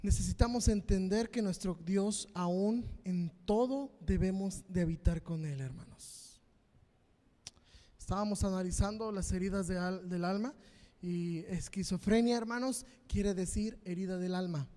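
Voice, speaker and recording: Fervent Mexican pastor, high voice. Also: male voice, measured pace, long reverb tail. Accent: Mexican Spanish. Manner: fervent, repetitive exhortation with sudden loud and quiet swings. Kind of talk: sermon. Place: church hall.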